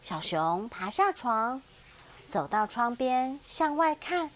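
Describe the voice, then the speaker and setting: Slow, gentle high-voiced storytelling mother. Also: big pitch swings. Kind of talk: children's bedtime story reading.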